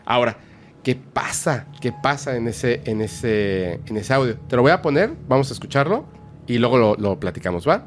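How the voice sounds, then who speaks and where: A man's voice: medium pitch, expressive, moderate pace, a little hiss or hum. Guy hosting a chatty podcast, acts out every quote as he tells it. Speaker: podcast host. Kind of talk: casual storytelling chat.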